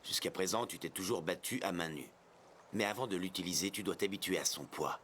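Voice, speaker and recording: Deep-voiced, gruff swordsman mentor. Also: brisk, fairly bright tone, a little hiss or hum. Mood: commanding. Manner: blunt, commanding, grumbling. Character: gruff, stern adult male swordsman mentor. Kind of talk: anime dub acting.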